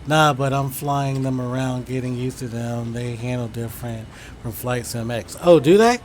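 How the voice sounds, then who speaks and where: A man's voice: mid-range voice, moderate pace. A man giving casual flight simulator commentary, thinking aloud through procedures and muttering short fragments to himself. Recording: clear background vehicle-like noise.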